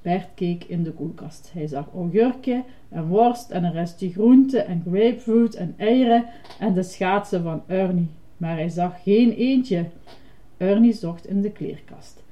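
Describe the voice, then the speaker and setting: A woman gently reading a bedtime storybook aloud in a steady voice. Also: on the low side, a little slow. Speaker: storybook reader. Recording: dull lo-fi recording.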